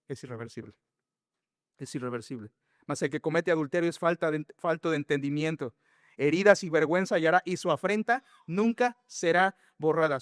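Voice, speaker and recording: A man's voice: fairly high pitch, smooth, dry recording, clean studio sound, big-room sound. A man preaching an expository sermon to his congregation as pastor, earnest and emphatic, often asking rhetorical questions and speaking straight to his listeners. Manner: addresses the congregation directly. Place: church sanctuary.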